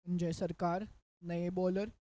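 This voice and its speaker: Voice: medium pitch, level tone, slow, mellow, dry recording, studio quality. A Hindi cricket commentator calling play ball by ball, mixing in English cricket terms.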